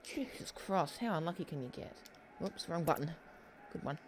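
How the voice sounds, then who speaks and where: A gaming channel host giving excitable live commentary on his own football game, exclaiming and talking to himself as he plays, on a headset. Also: mid-range voice, normal speed, slight background noise. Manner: excitable, talks to himself while playing, frequent exclamations. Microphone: headset headphones.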